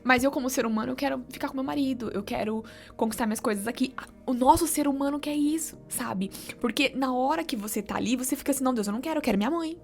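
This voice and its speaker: Young Brazilian woman vlogger, gravelly voice, hushed heartfelt storytelling, faint music underneath. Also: high-pitched, fast. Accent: Brazilian Portuguese. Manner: soft-spoken, often drops to a whisper. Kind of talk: emotional personal storytelling.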